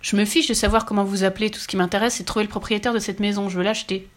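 A woman voicing a pompous, greedy rich gentleman who talks down to children in a storybook reading. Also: mid-range voice, level tone, racing, close to an everyday voice. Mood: scornful. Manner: curt and dismissive.

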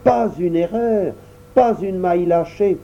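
A man's voice: sits high, a little slow, vocal fry, warm tone, voice pushed up. A man voicing a harried old mother of twelve boys, fretful and exclaiming. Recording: dull lo-fi recording.

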